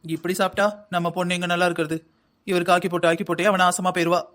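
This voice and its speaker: A performer voices a grumbling older husband in a cartoon family comedy, nagging his wife in a South Tamil Nadu accent. The delivery is scolding and very fast, in a mid-range, fairly bright voice with little pitch movement, lightly acted.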